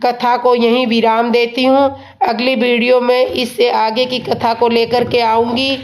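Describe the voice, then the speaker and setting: Hoarse from a sore throat, a storyteller of religious tales narrates a devotional story without hurry, sounding humble and sincere. Her slightly high pitch hardly varies, keeping things level, and there's a faint hiss or hum in the background.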